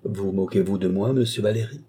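A man's voice: lowish voice, brisk, warm tone, husky. A man voicing an impatient, irritable marquis who speaks curtly in an audiobook. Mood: irritated. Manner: curt, exclamatory. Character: adult male marquis, impatient, irritable nobleman.

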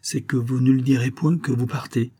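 A man reading an audiobook, voicing a smooth-talking older viscount with falsely affectionate manners. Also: medium pitch, steady tone, normal speed, dark tone, pitched above the performer's own voice, lightly acted. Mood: honeyed.

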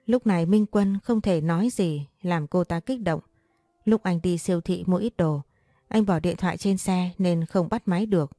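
A woman narrates a first-person story in a steady, earnest reading voice. Her tone is low and mellow, recorded dry and close, with faint music playing underneath. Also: normal speed, no echo.

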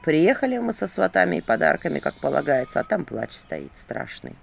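A woman voicing a grieving, heavy-hearted male prince in a fairy-tale audiobook, speaking slowly and low. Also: huge pitch swings, vocal fry, a little hiss or hum, exaggerated voice. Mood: brooding. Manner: slow, low, heavy storytelling voice.

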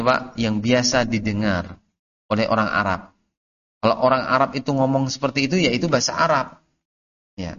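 A man teaching Arabic grammar in class. He reads the Arabic text slowly, then explains it and quizzes his students. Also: mid-range voice, fairly bright tone. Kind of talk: classroom lesson. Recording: dull lo-fi audio recording.

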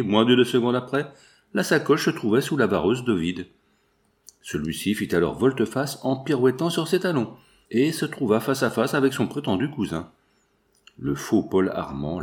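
A man narrating a classic novel aloud in a measured, expressive storytelling manner. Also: mid-range voice. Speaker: audiobook narrator.

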